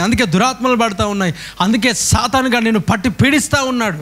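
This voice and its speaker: A man with a high voice preaches to his congregation. He repeats his lines and throws question after question at the listeners, calling for their answers. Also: a bit bright. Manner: repetitive, rhetorical questions to the congregation. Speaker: pastor. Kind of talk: call-and-response sermon.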